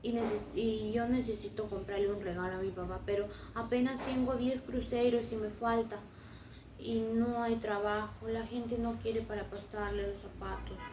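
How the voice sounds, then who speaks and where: A woman's voice: fairly high pitch, level tone, moderate pace, noisy background, natural voice. A woman doing Cece, a guilt-ridden poor little boy. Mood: sad. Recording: roomy and distant.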